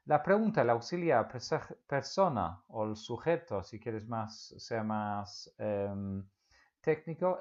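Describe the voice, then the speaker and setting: A man teaching English grammar to Spanish speakers, patiently repeating example questions slowly. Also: on the low side, a little mellow, dull audio.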